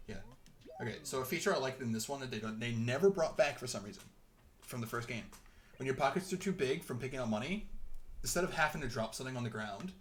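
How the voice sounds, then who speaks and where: A man's voice: mid-range voice, a little hiss or hum. A young man giving rambling, chatty let's-play commentary while he plays, chuckling often. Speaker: gameplay commentator.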